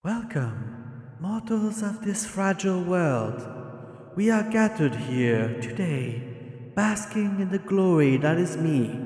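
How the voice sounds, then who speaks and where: A man's voice: high voice, big pitch swings, slow, darkish tone, soft background music, heavily acted. A man voicing a vain female goddess who addresses mortals in a haughty, grandiose way. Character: vain female goddess presiding over a wedding. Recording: echoey with long reverb.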